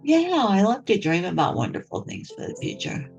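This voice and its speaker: A woman's voice: mid-range voice, wildly swooping pitch, normal speed, creaky, darkish tone, muffled recording, faint music behind. A woman, the host's mother, chatting casually and easily as she watches a game. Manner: easygoing, laughs often. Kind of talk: casual chat.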